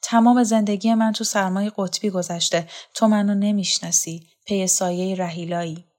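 A woman voicing a lonely, haunted former actress, weary and bitter, in a quiet confessional storybook reading. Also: mid-range voice, fairly even intonation, natural voice. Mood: brooding.

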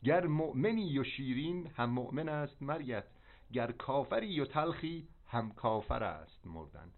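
A man speaks through a narrow, tinny landline phone. His pitch is mid-range, and his talk is preachy as he gives spiritual advice and recites lines of verse. The sound is thin, like a phone call. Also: animated. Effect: over a landline phone. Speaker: healer giving advice.

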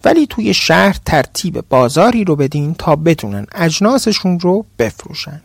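A man's voice: fairly high pitch, very animated, gravelly, husky, no echo, studio quality, full character voice. A man voicing a curious, commanding king in a told folk tale, giving orders in a regal way.

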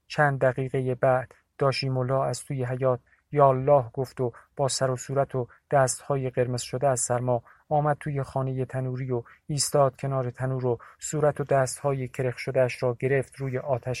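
A man narrating a novel in a steady, measured audiobook reading. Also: mid-range voice, dry recording, clean studio sound.

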